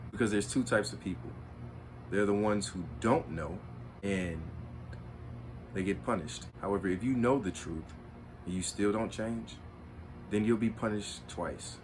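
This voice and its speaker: A man's voice: deep voice, noisy background. A man hosting his own spiritual video, lecturing in an earnest, repetitive, preachy way. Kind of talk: monologue to camera.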